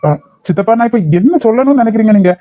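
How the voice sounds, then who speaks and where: A man's voice: very high-pitched, rapid-fire, mellow, dry recording. A man voicing a stubborn young nephew in a cartoon, blunt and grudging, with a Kanyakumari Tamil accent. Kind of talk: cartoon voice acting.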